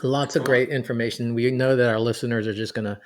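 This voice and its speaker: Chatty podcast host from New York. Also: male voice, mid-range voice, fast. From New York City. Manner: chatty, animated, laughing as he reminisces. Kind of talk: podcast conversation.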